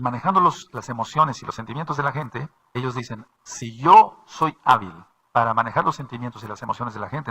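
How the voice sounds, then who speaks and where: Bright-voiced preaching man. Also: medium pitch. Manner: preaching with frequent restarts and repetitions. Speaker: pastor. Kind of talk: sermon.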